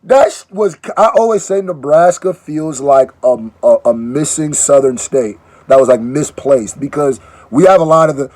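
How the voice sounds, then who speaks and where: A man's voice: a little high, normal speed, few pauses, dry recording. A man raised in Nigeria hosting a casual reaction video, joking and cutting in often. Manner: animated, joking, interjecting. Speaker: YouTube reaction host.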